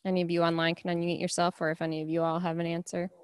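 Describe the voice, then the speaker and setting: Woman, chatty, says like a lot, leads group discussion, lowish voice. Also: completely flat delivery, very fast, clear, resonant tone, dry recording. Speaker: worship leader.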